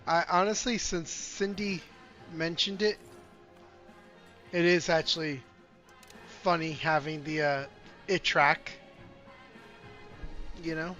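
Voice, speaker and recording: A man's voice: a little high, fairly even intonation, slow pace, pauses often, pushed and bright. A man streaming a strategy game, chatting casually and playfully teasing his girlfriend between moves. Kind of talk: casual livestream chat while gaming. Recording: slightly dull sound with faint music behind.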